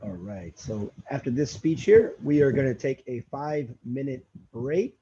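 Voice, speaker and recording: A man's voice: mid-range voice, dark tone. A man in his thirties making casual announcements as the host of an online event, on a video call. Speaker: host of an online speech contest. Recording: muffled video call with clicks, noise.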